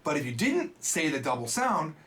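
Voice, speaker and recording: Playful man teaching Japanese, lively pitch. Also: moderate pace. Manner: playful, jokey asides. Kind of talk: casual spoken lesson.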